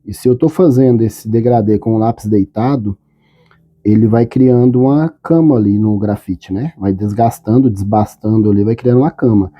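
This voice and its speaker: A man teaching a step-by-step drawing tutorial, calm and patient, often checking in with short questions. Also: lowish voice, normal speed, lo-fi sound.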